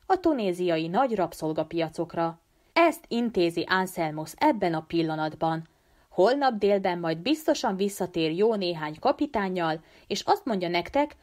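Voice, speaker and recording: Lady reading as a serious teen boy, urgent and pleading, lowish voice, audiobook. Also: darkish tone. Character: earnest teenage boy leader, urgent.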